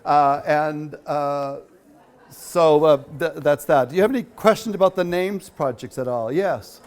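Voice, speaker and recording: The featured speaker at a quilt show gives a rambling, chatty talk in a hall, taking audience questions and using lots of fillers. His voice is fairly high-pitched and his delivery unhurried.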